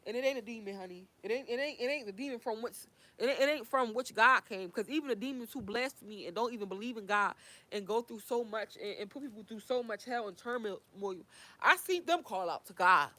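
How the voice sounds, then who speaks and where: A woman's voice: a little high, quick pace, sharp tone. A young woman ranting heatedly to her camera, swearing, preaching and repeating herself. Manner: fiery, swearing, repetitive, preachy. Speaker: vlogger.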